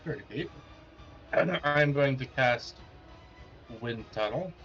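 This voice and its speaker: A man playing in a tabletop game, working out his actions aloud with pauses and restarts. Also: mid-range voice, lively intonation, a bit bright, soft background music. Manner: hesitant, thinking aloud over his moves. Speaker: player. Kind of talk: casual tabletop play. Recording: dull lo-fi audio.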